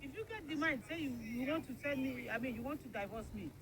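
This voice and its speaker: A woman's voice: high voice, fast talker, noisy background, natural voice. A woman playing a sassy wife who talks back to her husband. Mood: defiant. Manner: sassy, retorting. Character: defiant wife following an online influencer.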